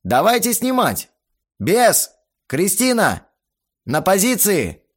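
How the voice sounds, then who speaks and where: A man's voice: sits high, huge pitch swings, takes it slowly, slightly rough, voice pushed up, heavily acted. Man doing a casual young director dude, raised voice, impatient, bouncy delivery. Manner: offhand, dismissive.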